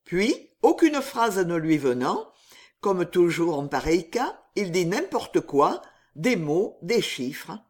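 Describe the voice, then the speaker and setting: Expressive woman storyteller. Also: fairly low pitch, slow pace. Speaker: narrator. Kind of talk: literary story narration.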